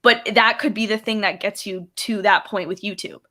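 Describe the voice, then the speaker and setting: A woman's voice: medium pitch, fairly even intonation, normal speed, bright, forceful tone. A woman guest on a livestream, chatting casually and hedging her points with many fillers.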